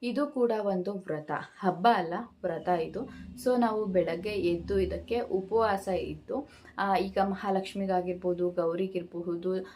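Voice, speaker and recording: A woman's voice: fairly low pitch, a little slow, slight background noise. A woman vlogger talking casually to her viewers, explaining festival rituals step by step with many "so"s and small hesitations. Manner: steady explanatory delivery with frequent "so" and hesitation sounds. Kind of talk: casual instructional talk to camera.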